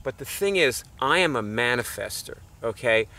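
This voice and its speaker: A man's voice: medium pitch, lively intonation, normal speed, bright, forceful tone. Rambling, chuckling man telling a story. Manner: rambling, chuckling, with many fillers and restarts. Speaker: nonprofit founder teaching alternative healing. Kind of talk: casual storytelling lecture.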